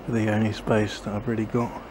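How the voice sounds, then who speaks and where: A fairly quick, flat delivery comes from a man whose voice is on the low side. The gardening vlogger muses aloud to camera as he plants in his small backyard garden, questioning himself and trailing off frequently. The recording picks up outdoor noise.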